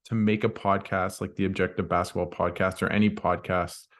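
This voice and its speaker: Low-voiced man hosting a podcast. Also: level tone, brisk. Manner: friendly, affirming, frequent "yeah" and backchannels. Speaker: podcast host. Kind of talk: casual interview questions.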